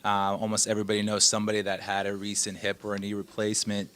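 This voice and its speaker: A man from Russia who works as an orthopedic surgeon, giving interview answers in a measured, explanatory way. His voice is fairly low, and it stays even with little rise and fall. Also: clear, resonant tone.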